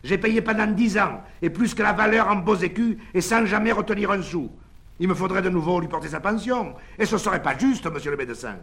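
A man voicing an aggrieved peasant villager who protests in a high, wound-up voice. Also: brisk, vocal fry, a bit bright. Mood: indignant.

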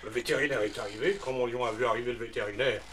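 A man performing an absurd comic monologue in a deadpan storytelling manner, on a noisy recording. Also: mid-range voice, very fast. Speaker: comedian.

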